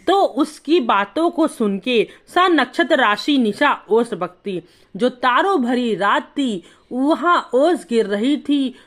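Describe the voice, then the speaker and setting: Slow, patient woman explaining Hindi verse. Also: on the high side, fairly bright tone. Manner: recites verse lines then paraphrases them in plain Hindi. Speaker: teacher. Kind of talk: explaining a Hindi poem line by line.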